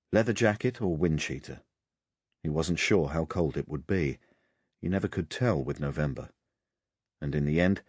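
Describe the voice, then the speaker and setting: Man narrating an audiobook, deep voice, lively intonation, dry close recording. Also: husky, dry recording.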